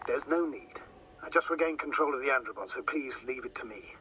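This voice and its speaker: A man playing a steady mission operator. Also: mid-range voice, a little hiss or hum, close to an everyday voice, low-quality recording. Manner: measured, instructive, thinks aloud. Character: steady male mission operator guiding a teammate. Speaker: remote mission operator on the radio. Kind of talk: video game voice acting. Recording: game audio with music under.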